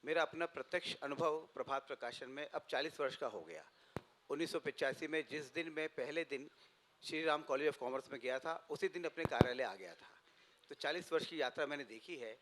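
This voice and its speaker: A man in his fifties, a publisher, giving a measured, formal talk on a festival panel. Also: a little high, background noise. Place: stage at a literature festival.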